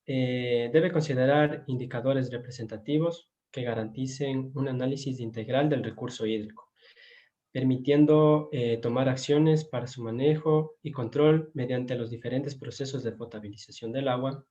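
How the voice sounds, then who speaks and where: A man's voice: medium pitch, dark tone. Man lecturing over a dull call. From Ecuador. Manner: measured, explanatory, with frequent filler pauses. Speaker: doctoral student giving a lecture. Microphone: computer mic on a video call. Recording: dull lo-fi video call audio.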